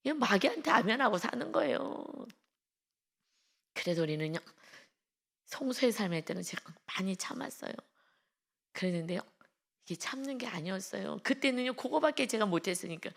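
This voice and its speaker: Woman pastor, early-morning devotional sermon; mid pitch, gravelly fry; emphatic, shifts loud to hushed. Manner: emphatic, tags phrases with a drawn-out polite ending; swings between loud exclamations and hushed asides.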